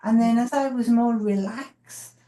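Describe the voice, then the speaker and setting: A woman facilitating a casual conversation, telling stories in an excitable way, recorded in an echoey room. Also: on the high side, unhurried. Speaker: group facilitator.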